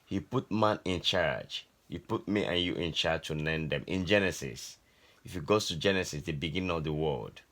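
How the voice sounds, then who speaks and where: An older grandfather with a Nigerian accent teaches a Bible story informally to his family. His voice sits low and a bit bright, moving at a moderate pace as he exhorts and repeats himself.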